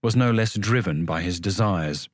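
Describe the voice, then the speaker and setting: A man's voice: deep voice, moderate pace, dry recording, studio quality. A man reading a literary story as a scripted audiobook narration.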